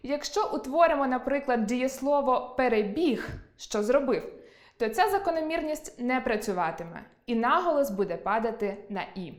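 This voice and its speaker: A woman teaching an online lesson, reading from a script and slowly drawing out example words. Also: high voice, roomy sound.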